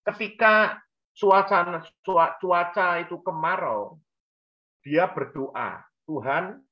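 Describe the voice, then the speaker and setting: A man with a fairly high voice tells a story on a church talk show. He is animated and acts out the voices of the people in his story. The recording sounds dull and lo-fi. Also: takes it slowly.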